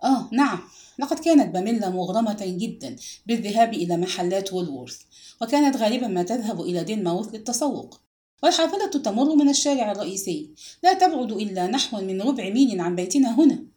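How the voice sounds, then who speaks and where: A woman's voice: medium pitch, lively intonation, quick pace, natural voice. A woman voicing a curt, stern old army major. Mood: curt, shaken. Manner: curt, sharp. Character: stern, reserved retired army major, older man.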